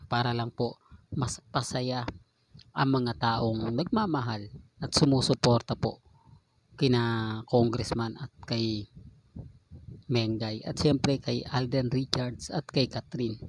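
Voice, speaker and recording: A man's voice: medium pitch, background noise. A man hosting his own fan channel, giving casual update talk straight to his viewers in a polite, insistent way.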